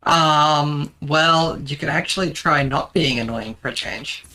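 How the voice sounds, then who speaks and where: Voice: medium pitch, a little slow, sharp tone, a little hiss or hum. A streamer chatting casually while playing a game, teasing a co-player and explaining things with a dry wit and lots of ums.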